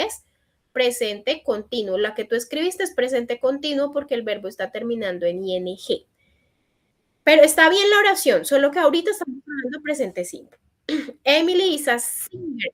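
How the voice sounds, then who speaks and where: A woman teaching an online English class in Spanish, reading out student answers and gently correcting them. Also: sits high. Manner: encouraging corrections in a patient teacherly tone. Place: online session.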